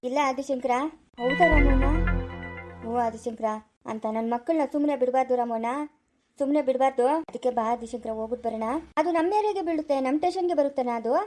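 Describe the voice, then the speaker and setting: A woman's voice: sits high, fairly quick, darkish tone, soft background music, close to an everyday voice. Woman doing a firm, reassuring village elder.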